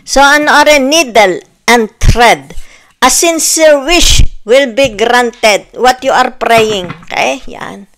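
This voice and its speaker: A woman's voice: on the high side, slow, fairly bright tone. A woman with a Filipino accent giving a casual tarot reading, chatty and full of "di ba?" tags, mixing Tagalog and English. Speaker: tarot reader.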